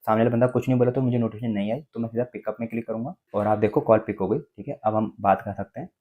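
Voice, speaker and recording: Speaking quickly in a soft, mellow, slightly low voice, a tech tutorial presenter with an Indian accent casually guides viewers through phone features, checking in with little tag words after each step.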